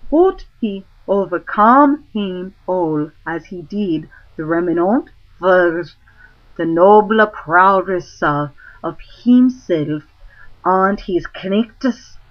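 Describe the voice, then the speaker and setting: A woman reciting old literature in Middle English pronunciation, deliberate and halting, phrase by phrase. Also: fairly low pitch, expressive, dull audio.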